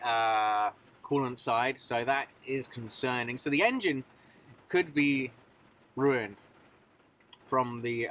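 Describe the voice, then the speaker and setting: A man's voice: mid-range voice, a bit bright, slight background noise. A man in his thirties, a mobile mechanic, casually explaining a repair to a phone camera, matter-of-fact with many fillers. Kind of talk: casual work vlog narration. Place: van cab and outdoors at a vehicle in rain. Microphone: phone camera held at arm's length.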